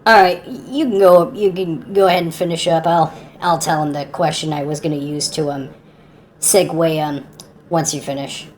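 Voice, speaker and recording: A woman's voice: sits low, steady tone, normal speed. A woman hosting a casual voice call, talking in a loose, hesitant way. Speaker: call host.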